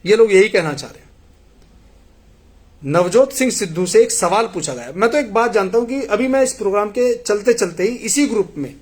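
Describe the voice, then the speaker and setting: Higher-pitched man arguing on a live stream. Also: expressive, brisk, darkish tone. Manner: earnest, argumentative, addresses viewers directly. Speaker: live stream host answering viewer comments. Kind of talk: casual live commentary reading messages.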